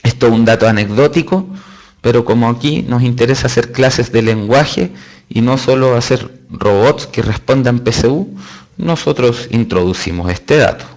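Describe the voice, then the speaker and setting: A man's voice: mid-range voice, moderate pace, darkish tone. A man with a Chilean accent teaching a live online lesson, explaining step by step with emphatic stresses and chatty asides. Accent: Chilean Spanish. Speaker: test-prep teacher.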